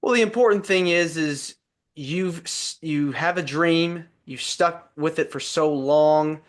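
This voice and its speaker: Man, podcast host, upbeat, positive, slightly higher voice. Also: takes it slowly. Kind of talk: podcast interview hosting.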